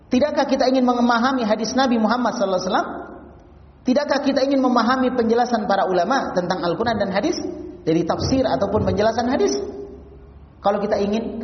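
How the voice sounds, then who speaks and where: A man giving a mosque sermon. He recites Arabic verses, translates them, and keeps asking the congregation rhetorical questions. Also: high-pitched. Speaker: preacher. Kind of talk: mosque study-circle sermon. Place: mosque hall. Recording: distant, echoey, dull-sounding hall recording.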